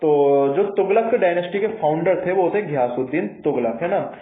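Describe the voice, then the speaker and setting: A man's voice: high voice, animated, moderate pace. A man giving a casual history lecture for exam prep, chatty and repetitive, often checking in with his listeners. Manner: chatty, repeats points and says "ठीक है" often. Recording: tinny, echoey room sound.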